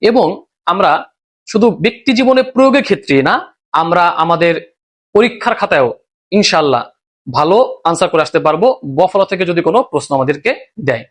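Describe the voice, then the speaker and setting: A man's voice: sits high, animated, fairly quick, pauses often. A male teacher with a Bangladeshi Bengali accent, explaining a lesson step by step and asking and answering his own questions. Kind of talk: recorded grammar lesson.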